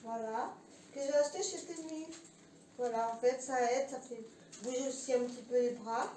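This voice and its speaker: A woman's voice: high-pitched, moderate pace, dark tone. A woman chatting casually while filming her home workout, out of breath and full of fillers. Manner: chatty, filmed mid-exercise, filler-heavy. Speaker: fitness vlogger. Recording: distant mic, noisy home room.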